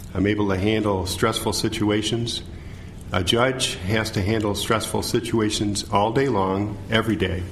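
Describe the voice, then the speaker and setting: Low-pitched, halting middle-aged American man. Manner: halting, hesitant, stumbling over words. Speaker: judicial candidate, city attorney. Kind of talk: formal spoken answers at a candidate forum. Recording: faint background noise.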